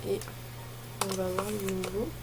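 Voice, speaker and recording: A woman chats informally in the manner of a beauty vlogger, thinking aloud and wandering from one remark to the next. Her pitch is average for a woman. The recording carries clear ambient noise behind her. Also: level tone, a little slow. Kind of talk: casual chat while opening advent calendars.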